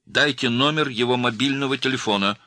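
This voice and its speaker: A man's voice: medium pitch, fairly quick, sharp tone, dry recording, voice pushed up, lightly acted. A man voicing a frightened, demanding young woman who insists on getting through on the phone. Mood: insistent. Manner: urgent, insistent.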